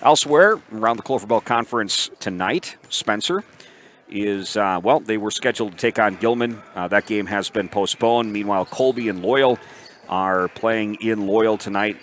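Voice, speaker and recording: A man's voice: on the low side, moderate pace, fairly bright tone. A man giving local pregame sports commentary as a broadcast announcer. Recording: faint gym noise behind.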